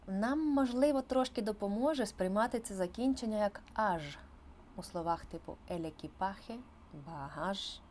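A woman teacher explaining grammar in an online language lesson, stressing key words with lively emphasis. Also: mid-range voice, slight background noise. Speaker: Spanish teacher.

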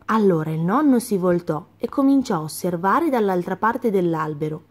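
Woman gently reading a children's story. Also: lowish voice, animated, moderate pace.

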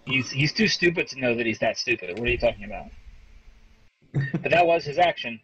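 A man running a tabletop game as dungeon master, narrating in a halting way with many ums and restarts. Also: mid-range voice, animated, fairly bright tone, highs cut off, a little hiss or hum.

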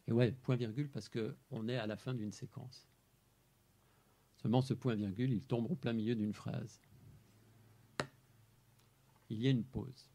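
A man presenting his translation work in a measured, explanatory talk, pausing over single words. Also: medium pitch, warm tone, breathy edge. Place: amphitheater.

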